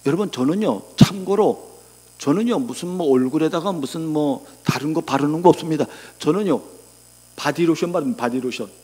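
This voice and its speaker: An older man preaching a sermon, telling lively anecdotes and acting out the people in them. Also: on the high side, normal speed, slightly rough. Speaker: pastor. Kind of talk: sermon with storytelling. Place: church sanctuary. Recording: long church reverb.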